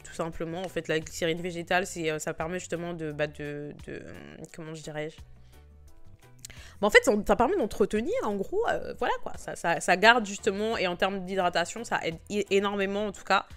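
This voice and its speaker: A woman's voice: fairly low pitch, fairly quick, fairly bright tone, faint music behind. A woman, chatting casually about hair products, often stumbling over words and restarting. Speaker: beauty vlogger.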